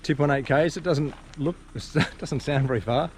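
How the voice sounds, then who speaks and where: A man's voice: on the high side, normal speed. A man narrating a casual travel vlog in a wry, understated but appreciative way. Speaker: travel vlogger. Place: mostly outdoors on a tour. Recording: outdoor handheld recording with ambient noise.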